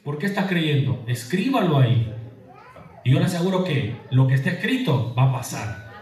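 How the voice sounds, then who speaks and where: A man's voice: on the high side, very animated, moderate pace, darkish tone. A man preaching a sermon as a pastor, throwing questions to his congregation and answering them. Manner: preaching with call-and-response questions. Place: church hall. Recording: echoey church hall from far off.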